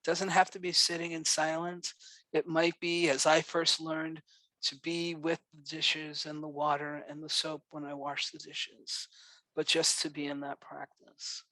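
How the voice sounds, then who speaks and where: A man with a New York accent giving a gentle, encouraging dharma talk to a meditation group, speaking unhurriedly with pauses. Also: a little high, completely flat delivery, no room sound. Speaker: meditation teacher.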